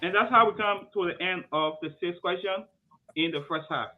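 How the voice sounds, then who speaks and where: A man's voice: high-pitched, normal speed. A man from Liberia reading quiz questions and ruling on answers, emphatic and repeating his verdicts. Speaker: quizmaster. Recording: muffled lo-fi with faint noise.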